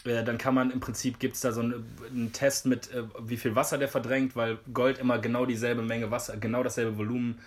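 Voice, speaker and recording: A man's voice: medium pitch, brisk, hardly any pauses. Slangy man telling a wild story. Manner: animated slangy storyteller, says "Alter" a lot. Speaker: podcast co-host. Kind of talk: casual storytelling chat.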